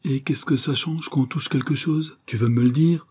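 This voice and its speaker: A man's voice: mid-range voice, moderate pace, a little mellow, breathy edge, pitched above the performer's own voice, lightly acted. A man voicing a bitter widower who answers with a challenge, in an audiobook.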